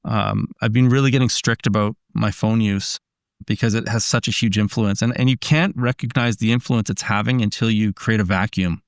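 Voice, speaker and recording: A man's voice: lowish voice, steady tone, moderate pace, no room sound, clean studio sound. A man as a podcast guest, explaining ideas earnestly in casual conversation, often restarting his sentences.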